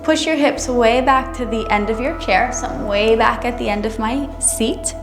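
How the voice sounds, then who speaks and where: A woman instructing a chair yoga class in a careful, unhurried way, gently guiding each movement. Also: fairly high pitch. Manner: careful, unhurried, measured delivery. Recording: roomy echo, music underneath. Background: music.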